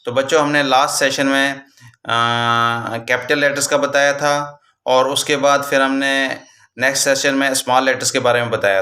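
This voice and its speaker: A man teaching English letters to young children, patient and repetitive, slowing down to spell out each letter at the board. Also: mid-range voice, sharp tone, echoey room. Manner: patient, repeats "ठीक है बच्चों" often, slows to spell out letters. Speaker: primary school English teacher. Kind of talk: classroom lesson for young children. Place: classroom with a board.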